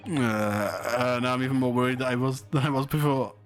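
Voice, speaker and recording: Casual mid-pitched game co-player. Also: fairly quick, faint music behind. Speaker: guest co-player reading a game part. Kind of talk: casual, hesitant let's-play chat and read-aloud.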